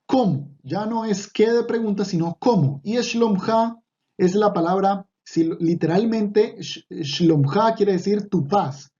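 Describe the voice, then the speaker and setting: A man's voice: high voice, dark tone, dull audio. A man teaching an online Hebrew lesson, patiently repeating words with fillers and restarts.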